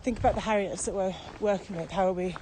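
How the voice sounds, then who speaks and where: Out on a walk, a woman who co-hosts a podcast and works as a virtual training consultant explains things in casual conversation. Her medium-pitched voice moves quickly with fairly even intonation. Traffic and outdoor ambience make the recording very noisy.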